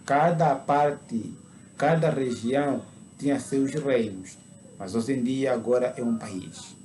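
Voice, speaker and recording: In this clip, a man in his twenties with an Angolan Portuguese accent delivers his conversion testimony as a sermon. He speaks slowly and deliberately, sometimes breaking into emphatic preaching. His voice is medium-pitched and a little mellow, with slight background noise.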